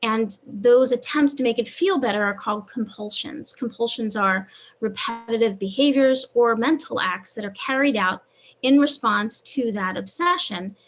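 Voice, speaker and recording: A woman psychologist giving an online lecture over a video call, explaining in a measured way. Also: on the high side, slight background noise. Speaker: psychologist presenter.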